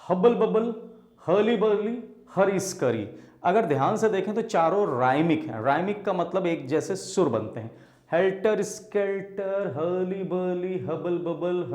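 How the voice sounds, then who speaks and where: Man, vocabulary teacher, slow deliberate delivery, drawn-out key words, echoey room. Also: a little high, a little mellow. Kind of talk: exam-prep vocabulary lesson.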